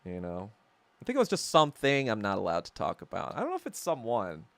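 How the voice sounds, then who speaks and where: A male podcast host talking off the cuff in a rambling, profane, opinionated monologue. His pitch bounces around with animated swings, and the voice is close and dry. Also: brisk, gravelly, no room sound. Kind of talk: casual livestream monologue.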